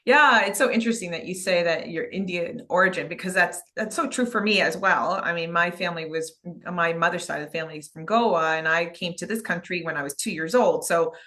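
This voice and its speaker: A woman's voice: on the low side, a little fast, hardly any pauses, pushed and bright. Chatty woman podcast host. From United States (New Jersey). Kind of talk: podcast interview.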